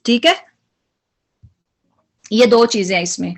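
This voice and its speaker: A woman's voice: a little high, animated, slow pace. A woman teaching Quran recitation in an online lesson, repeating letter sounds over and over as drills.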